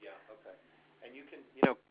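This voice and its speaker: Over tinny phone-line audio, a man with a husky, medium-pitched voice talks fast. As a guest marketing expert answering an unscripted webinar question, he rambles, restarting often and using many fillers.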